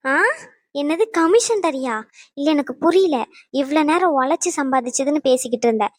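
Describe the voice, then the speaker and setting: A woman's voice: high-pitched, lively intonation, moderate pace, darkish tone, no echo, studio quality. A woman voicing a bossy young granddaughter in a cartoon who scolds and threatens her grandmother. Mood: scolding. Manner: scolding, demanding.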